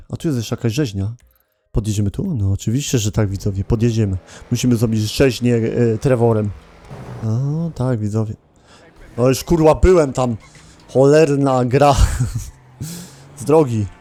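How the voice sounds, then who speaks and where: A man's voice: mid-range voice, mellow. A man hosting a gaming channel, giving casual gameplay commentary, chatting to his viewers and swearing often.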